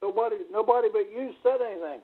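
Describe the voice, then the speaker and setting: A man's voice: high-pitched, fast, husky. A man co-hosting a call-in show, talking with the phone held away from his mouth so he sounds faint and echoey, giving short offhand replies. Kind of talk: casual call-in chat. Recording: tinny phone line.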